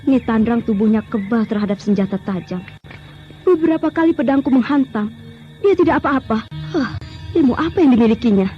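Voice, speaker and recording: A headstrong wounded warrior, old radio drama. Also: female voice, on the high side, lively intonation, brisk. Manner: impatient, headstrong, bantering. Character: stubborn wounded young woman warrior. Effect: old radio drama recording. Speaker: Tri Andiani, a radio drama character. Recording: dull lo-fi old radio drama recording with faint music.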